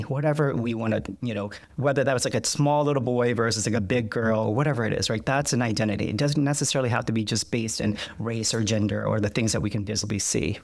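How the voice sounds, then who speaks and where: Appearing as a guest in a conversational interview, a Vietnamese man from the United States speaks in a creaky, medium-pitched voice. He's reflective, with lots of fillers and restarts.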